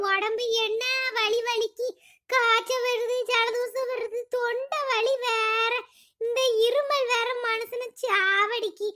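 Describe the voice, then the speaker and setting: Woman playing a whiny sick cartoon mom, high and bright. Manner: whiny, fretful. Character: sick, self-pitying village mother of three. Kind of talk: cartoon voice acting.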